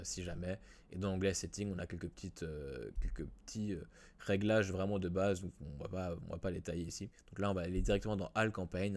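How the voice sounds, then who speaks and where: Guy with a low voice doing a chill screen tutorial, lots of euh and restarts. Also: darkish tone. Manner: casual, many fillers and restarts. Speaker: WordPress tutorial host. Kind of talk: screen-recorded software tutorial.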